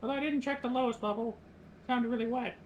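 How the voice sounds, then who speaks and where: A man's voice: fairly even intonation, fast, lo-fi sound. A man voicing a small, eager, artlessly cheerful adventurer in a tabletop role-playing game. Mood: matter-of-fact. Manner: high-pitched, artless, cheerful. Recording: noisy home voice chat.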